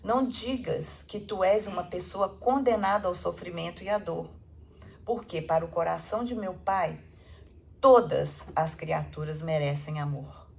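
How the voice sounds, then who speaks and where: A woman voicing a gentle, serene male teacher who speaks in a tender, solemn and poetic way. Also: high voice, unhurried, creaky.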